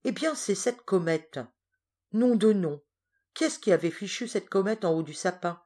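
A woman's voice: mid-range voice, animated, moderate pace, warm tone, close to an everyday voice. A woman reading aloud, voicing a dejected male thief who grumbles in slangy, self-mocking complaints. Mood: rueful.

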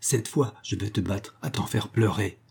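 A man's voice: fairly low pitch, normal speed, gravelly, darkish tone, husky, full character voice. A man reading the part of a furious, harsh old mother who scolds shrilly. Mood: angry.

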